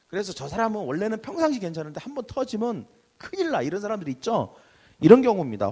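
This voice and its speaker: A man's voice: a little high, a little mellow, breathy edge. A male pastor preaching a Sunday sermon, asking the congregation questions and acting out angry outbursts. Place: church sanctuary. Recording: church hall with long reverb.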